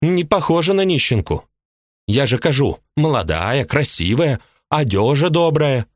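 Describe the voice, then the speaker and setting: A man's voice: medium pitch, sing-song, measured pace, no room sound, pitched above the performer's own voice. A jealous young widow shrieks her accusations in a raised, swooping voice, as a man reading an audiobook puts her on. Her scolding tips toward tears. The sound is close and dry, with no room around it. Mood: furious. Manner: shrieking, scolding, tearful reproach. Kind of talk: audiobook character voice.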